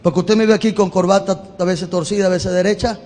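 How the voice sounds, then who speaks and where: High-voiced pastor preaching. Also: male voice, steady tone, quick pace, darkish tone, a little hiss or hum. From Venezuela. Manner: conversational preaching, repeats words. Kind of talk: sermon. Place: church. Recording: long hall reverb in church.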